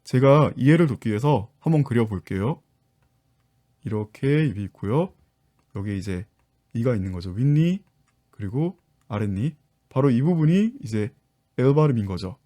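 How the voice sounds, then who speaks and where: A man leads an online English lesson and takes his viewers patiently through each step. His voice is mellow and relaxed, and his pitch sits in the middle range. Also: moderate pace, long pauses. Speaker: English teacher and book author.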